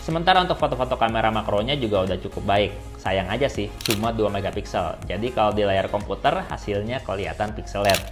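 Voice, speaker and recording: A man's voice: lowish voice, fast, few pauses. A man narrating a casual, scripted tech review as a voice-over. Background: background music.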